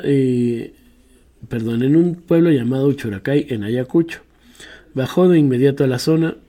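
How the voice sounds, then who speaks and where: A man reading a personal essay aloud in a measured, reflective way, now and then correcting a slip. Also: medium pitch, warm tone. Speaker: reader.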